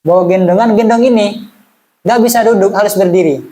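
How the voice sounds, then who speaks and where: A man's voice: sits high, fairly quick, warm tone, rough recording. A man, teaching an Islamic study class in a chatty way and asking the audience questions. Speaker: religious teacher. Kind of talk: casual Islamic study lesson.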